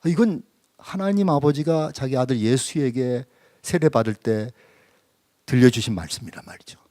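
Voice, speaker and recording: A man's voice: medium pitch, moderate pace, mellow, no room sound, clean studio sound. A male preacher giving a sermon as a personal testimony, telling it intimately, sometimes sinking to a whisper and then rising into emphatic questions, with English phrases mixed in. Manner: mixes English phrases into speech. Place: church.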